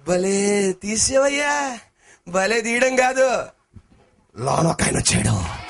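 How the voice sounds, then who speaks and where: A male pastor preaching a sermon, swinging between shouted sing-song lines and lower talk, calling the congregation to answer back. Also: gravelly, slight background noise.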